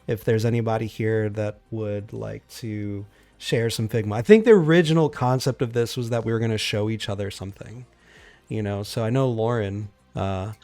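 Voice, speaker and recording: A man hosting a casual group livestream, laid-back and quick to laugh. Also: fairly low pitch, a little mellow, dry recording. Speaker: livestream host.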